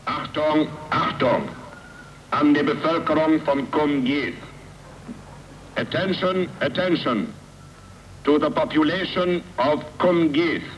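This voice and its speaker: A stern occupation announcer whose slow, formal commands blare from a car loudspeaker. The voice sits fairly high and comes from some way off. Steady noise hums underneath. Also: male voice, muffled recording. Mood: commanding. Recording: distant loudspeaker with background noise.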